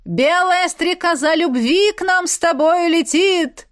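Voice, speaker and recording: A woman voicing a clingy, showy young man, the heroine's ex-boyfriend, who calls out loudly and drags his words. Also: medium pitch, sing-song, dry recording, studio quality, lightly acted. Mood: calling out. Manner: loud, drawn-out calling.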